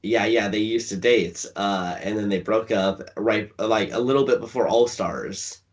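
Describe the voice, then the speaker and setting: A man chats easily as podcast co-host, relaxed and laid-back. His voice is on the low side. He sounds a little distant, as if set back from the microphone. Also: unhurried. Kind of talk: casual chat. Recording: voice a bit off-mic.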